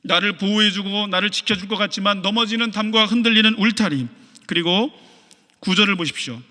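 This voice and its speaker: Bright-voiced male pastor in a reverberant church. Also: sits high, a little fast. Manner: asks the congregation rhetorical questions. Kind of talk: sermon. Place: church sanctuary.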